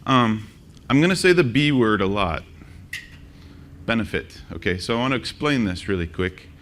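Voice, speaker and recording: A man presenting a conference workshop, joking and quizzing the audience with quick questions. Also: lowish voice, a bit bright, a little hiss or hum. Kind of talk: interactive conference talk. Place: conference session room.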